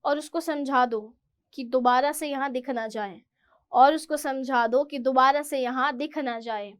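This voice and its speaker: High-voiced woman teacher. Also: clean tone. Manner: reads English lines slowly, then explains in Hindi. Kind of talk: chapter explanation lesson.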